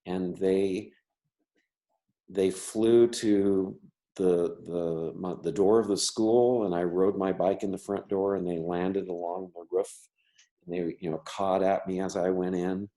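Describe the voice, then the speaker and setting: A man's voice: sits low, fairly even intonation, slow, warm tone. A man who stutters, an artist and teacher talking casually in an interview, with many restarts and repeated words. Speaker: member artist.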